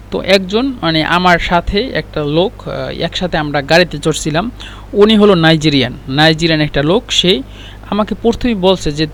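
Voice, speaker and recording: Man, slightly high voice, casual lesson talk, chatty with restarts. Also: a bit bright. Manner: chatty, with many fillers and restarts. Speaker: Arabic language teacher. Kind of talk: casual spoken lesson with an anecdote.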